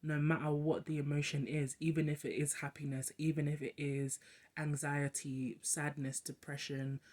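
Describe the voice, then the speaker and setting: Young adult host, casual monologue; quick and talkative, restarts often. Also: mid-range voice, level tone, a little mellow.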